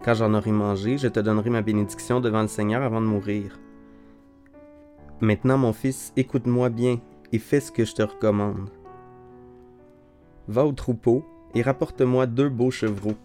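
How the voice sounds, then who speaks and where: A man's voice: lowish voice, fairly even intonation, normal speed, mellow, faint music behind, close to an everyday voice. A man reading the part of a scheming mother, giving pressing, insistent instructions. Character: scheming mother Rebecca, urgent and firm.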